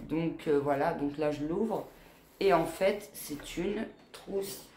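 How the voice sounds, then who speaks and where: A woman's voice: sits low, slow, slight background noise. A woman in her forties chatting casually as a beauty vlogger, with a nasal, stuffed-up smoker's voice that sounds tired. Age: 40s. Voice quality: nasal, congested; smoker's voice, not soft. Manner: chatty, informal, tags sentences with quoi and hein. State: blocked nose, tired. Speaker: beauty box unboxing vlogger. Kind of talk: casual chat to camera. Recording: echoey, roomy sound.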